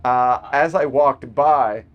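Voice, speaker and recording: The audio is dull as a mid-range male voice speaks slowly. He's a physician guest on a casual remote podcast, chatting over video and telling stories with plenty of fillers and laughter.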